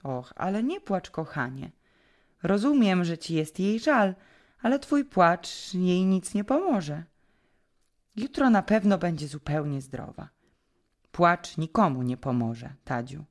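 A woman voicing a gentle young woman in a storybook reading, speaking softly and soothingly. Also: deep voice, fairly even intonation, normal speed, few pauses. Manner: soft and soothing, quieter.

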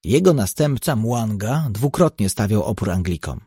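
A man reading an audiobook, voicing a seasoned tracker who explains and warns in a measured way. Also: on the low side, expressive, dark tone, slightly rough, no echo, clean studio sound. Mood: explaining. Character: seasoned grave male tracker, guide.

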